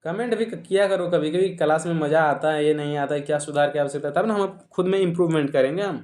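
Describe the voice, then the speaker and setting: A man's voice: on the high side, quick pace, darkish tone, reverberant. A man with a Bihari Hindi accent teaching a grammar lesson online, explaining step by step and repeating each example.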